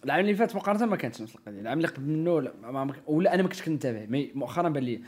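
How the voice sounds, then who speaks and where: Very fast-talking man with Moroccan Arabic accent. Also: fairly high pitch, animated, darkish tone. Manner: opinionated, emphatic, often checks the listener follows; mixes French and English words into speech. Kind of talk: casual podcast conversation.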